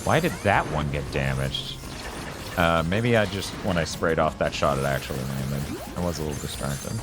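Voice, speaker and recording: A man's voice: extremely low pitch, normal speed. A man casually commentating his gameplay with joking, playful asides. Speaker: streamer. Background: game music.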